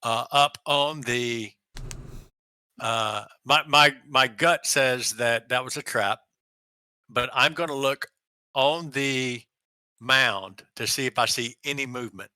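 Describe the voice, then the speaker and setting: Brief: male player, slow halting speech, bright tense tone, dry sound. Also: medium pitch, smooth, dry recording. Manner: halting, many fillers and restarts while deciding. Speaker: tabletop game player. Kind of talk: casual tabletop game chat.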